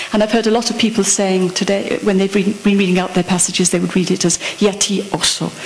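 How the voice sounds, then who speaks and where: Woman conference speaker, measured scholarly delivery, middle-pitched voice, faint hiss on the recording. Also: darkish tone, low-quality recording. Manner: scholarly, precise, reads a prepared paper then speaks off the cuff with fillers. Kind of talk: academic conference talk. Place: conference hall.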